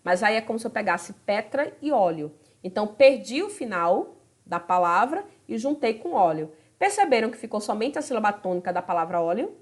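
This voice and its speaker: Lively chatty woman teaching grammar. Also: mid-range voice, fairly quick. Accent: Brazilian Portuguese. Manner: chatty, addresses students directly with tag questions. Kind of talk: recorded video lesson.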